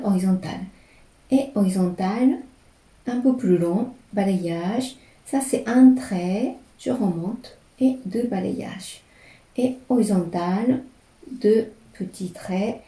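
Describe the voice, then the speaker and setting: Woman slowly walking thru brush strokes, soft mellow voice, echoey room. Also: mid-range voice. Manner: slow, calm, describing each stroke as she writes. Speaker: calligraphy teacher. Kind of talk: step-by-step brush lesson.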